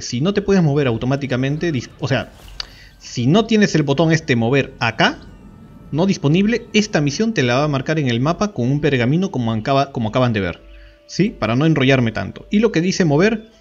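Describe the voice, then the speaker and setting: A man's voice: a little high, darkish tone, dull audio. A man giving a casual game tutorial, explaining step by step and often checking in with listeners. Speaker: gaming YouTuber.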